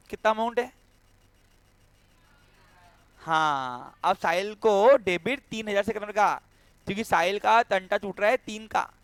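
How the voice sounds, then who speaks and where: High-voiced man teaching accounts in class. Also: fairly bright tone, dry recording. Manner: explains step by step, keeps checking students understand; acts out a cash handover with a student. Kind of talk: classroom lecture.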